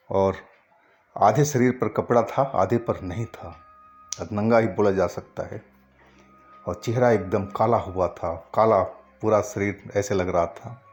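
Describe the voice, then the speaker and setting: A man telling a first-person ghost story in Hindi narration, slow and halting with frequent pauses and restarts. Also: on the low side, a little mellow.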